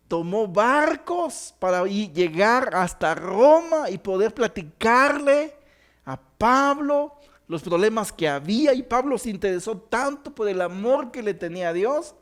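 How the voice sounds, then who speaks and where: A man leads a Bible study in an earnest teaching voice. His voice sits high for a man, and he slows down to lean on the words that matter.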